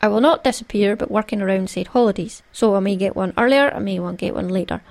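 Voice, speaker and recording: A woman's voice: medium pitch, fast, creaky, a little mellow. A Scottish woman hosting a solo craft podcast in a playful, conversational, jokey way. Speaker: podcast host.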